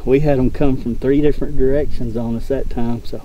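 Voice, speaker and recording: A man's voice: mid-range voice, steady tone, a little fast, lo-fi sound. A man talking casually and giving commentary as he guides a hunt outdoors. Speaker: hunting guide and video host. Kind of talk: casual chat and commentary while hunting. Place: outdoors in open brushy country. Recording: outdoor recording with clear background noise.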